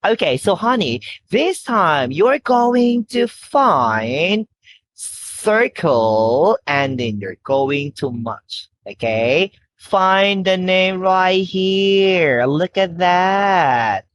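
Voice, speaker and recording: A woman with a Filipino accent teaches English to a small child over a video lesson. Her voice sits fairly low, but her pitch swings widely and playfully. She talks at an unhurried, deliberate pace and fills the lesson with cheerful praise. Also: expressive, dry recording. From Philippines. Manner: slow, clear, cheerful coaxing with frequent praise.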